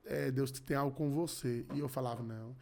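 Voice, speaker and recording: Brisk and steady, with a medium pitch, a warm tone and some vocal fry, this Rio de Janeiro gospel musician in his thirties talks as a podcast guest. He shares an earnest testimony in casual chat, often restarting and repeating his words.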